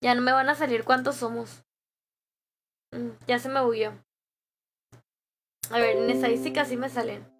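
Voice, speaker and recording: A young woman with a Mexican accent hosts a live stream, talking casually into a desk microphone. Her voice sits high, and she chats loosely with viewers and reads their comments aloud. She laughs often as she talks. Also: steady tone, moderate pace, long pauses, over loud music.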